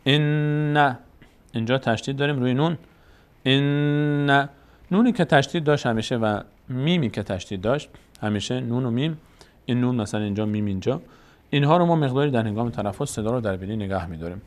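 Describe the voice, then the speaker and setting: A man teaching Quran recitation rules step by step, explaining each rule and then slowly chanting the verses to show it. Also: mid-range voice. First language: Tajik.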